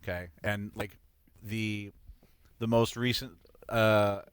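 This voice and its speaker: A man's voice: on the low side, little pitch movement, takes it slowly, clean tone, dry recording. A man in casual podcast chat, hesitant but opinionated.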